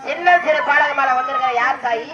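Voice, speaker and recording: A man leading a temple ritual, coaxing a possessed devotee with repeated questions and sudden shouted calls. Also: extremely high pitch, fairly even intonation, a little fast, lo-fi sound, some chatter behind. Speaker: temple ritual drummer and officiant. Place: temple festival. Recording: echoey, distant mic. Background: drums and music.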